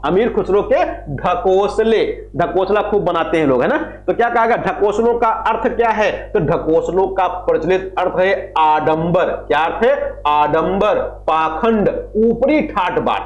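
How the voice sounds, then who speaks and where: A man's voice: high voice, measured pace. A man teaching a lecture on Hindi literature, who asks questions and answers them himself and repeats key phrases. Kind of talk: classroom lecture. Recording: roomy, slightly dull recording with faint music.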